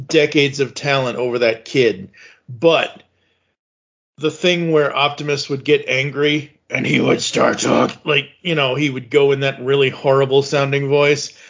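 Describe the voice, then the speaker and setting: A man co-hosts a podcast, weighing his criticisms carefully and searching for words. He speaks very slowly, and the recording has a dull, lo-fi sound. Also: mid-range voice, steady tone, vocal fry, fairly bright tone. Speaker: podcast co-host. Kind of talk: casual podcast chat.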